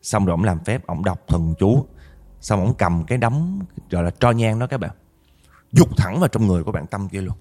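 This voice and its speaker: A man's voice: lowish voice, expressive, brisk, warm tone. A man with a Southern Vietnamese accent narrating a ghost story in a chatty way, often talking straight to his listeners. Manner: chatty, addresses listeners directly.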